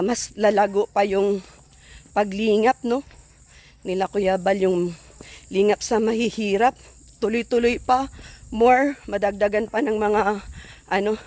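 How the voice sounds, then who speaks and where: Slow-talking breathless vlogger woman. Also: mid-range voice, a little mellow. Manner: chatty, thanking viewers and sponsors with many fillers. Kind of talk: casual vlog narration.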